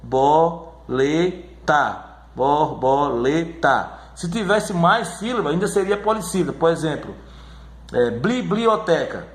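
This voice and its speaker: A man teaching a grammar lesson, repeating words slowly and checking in often with his listeners. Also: sits high, lively intonation, a bit bright. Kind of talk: classroom lesson on syllables. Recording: echoey room.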